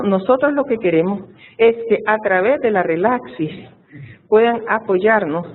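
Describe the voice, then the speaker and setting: A woman speaking at a conference, making a formal, measured appeal. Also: mid-range voice, a little hiss or hum. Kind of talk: conference presentation. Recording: tinny, phone-like sound.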